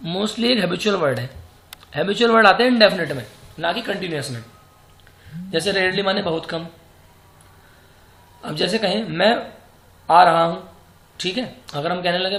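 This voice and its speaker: A male grammar teacher with a fairly high, gravelly voice, recorded in an echoey room. He explains step by step for exam prep, asking rhetorical questions and answering them himself. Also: a bit bright, slight background noise. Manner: poses rhetorical questions and answers them, repeats example sentences.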